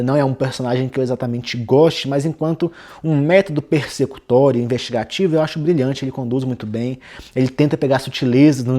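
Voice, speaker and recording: A man's voice: mid-range voice, mellow. A young Brazilian man hosting a literature channel, talking through a novel in a casual, conversational way and often tagging his sentences with little check-ins. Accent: Brazilian Portuguese. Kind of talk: casual book-reading lesson.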